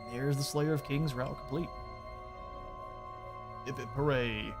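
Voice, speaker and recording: A man's voice: mid-range voice, a little slow, music in the background. Man chatting casually over a strategy game. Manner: relaxed, chatty, explains as he plays. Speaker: streamer. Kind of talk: casual gameplay commentary.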